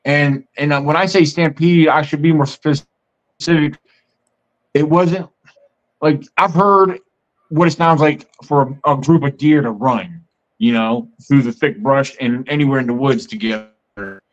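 A man's voice: a little high, unhurried. Man telling a meandering story, muffled audio. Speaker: podcast host. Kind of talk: casual storytelling.

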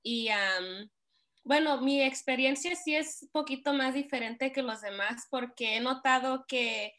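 A young woman from California, speaking Spanish with a Mexican accent, tells her story as an interview guest. Her voice sits a little high, and her talk is relaxed and full of fillers. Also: a little slow. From California, United States. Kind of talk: casual interview.

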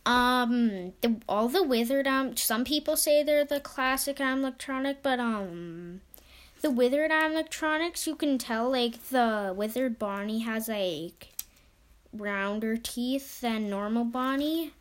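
Casual fan podcaster, female-sounding, mid-pitched, slow and hesitant, unscripted, trails off mid-thought. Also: clean tone. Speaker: podcast host. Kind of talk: casual fan theory commentary.

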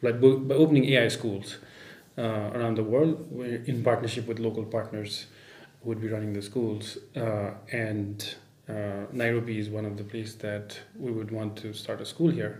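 A man from Nepal, a startup founder, speaking as a podcast guest in a measured way with many fillers. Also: fairly low pitch, steady tone, darkish tone. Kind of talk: casual interview. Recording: echoey room, faint background noise.

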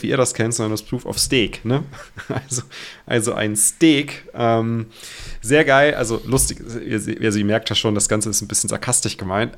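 A man co-hosting a podcast, talking in a casual, animated and sarcastic way, often chuckling. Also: mid-range voice, gravelly. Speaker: podcast co-host. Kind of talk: casual chat.

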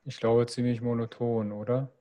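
A man hosts an interview with a mellow, darker tone at a middle pitch. He fires off questions quickly and sometimes restarts his words. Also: little pitch movement, lo-fi sound. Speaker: interviewer, host. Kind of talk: conversational interview.

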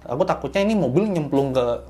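A man casually telling a horror story as a guest, growing animated at tense moments. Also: quick pace, a little hiss or hum. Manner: animated, rising in pitch and volume at tense moments.

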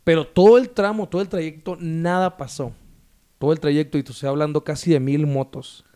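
A man with a northern Mexican accent and a hoarse voice, chatting casually and using heavy slang. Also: a little high, fairly even intonation, brisk, mellow. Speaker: podcast co-host.

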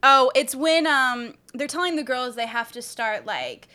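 A woman's voice: high voice, unhurried, bright, forceful tone. A woman co-hosting a podcast, chatting enthusiastically and quoting favorite movie lines. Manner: enthusiastic, quotes favorite lines and laughs often. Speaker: podcast co-host. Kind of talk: casual chat.

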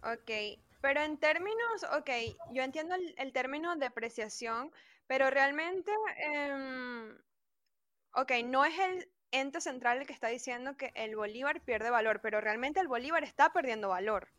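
Female interviewer from Venezuela, high and bright, dry close sound, restates points to check them. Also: moderate pace, no room sound. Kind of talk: interview questioning.

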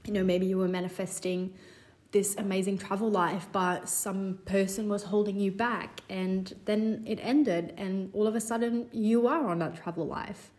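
A woman's voice: medium pitch, fairly even intonation, moderate pace. Earnest twenty-something woman podcaster. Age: 20s. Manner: warm, earnest, rambling with many "you know" fillers. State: slightly congested, recovering from a cold. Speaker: podcast host. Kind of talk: casual solo podcast talk.

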